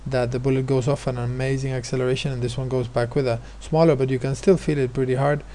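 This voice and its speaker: A man's voice: mid-range voice, flat delivery, fast, warm tone, slight background noise. A male teacher explaining physics exam questions, hesitant, with many fillers and restarts. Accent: non-American, his remark says so.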